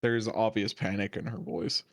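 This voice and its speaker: A man running a tabletop game, narrating calmly and descriptively. His voice sits low and the sound is dry and close. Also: moderate pace, dry recording. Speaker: game master.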